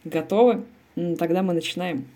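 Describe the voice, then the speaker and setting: A woman's voice: fairly low pitch, moderate pace, loud music behind the voice. A woman podcast co-host giving an informal spoken introduction to the show.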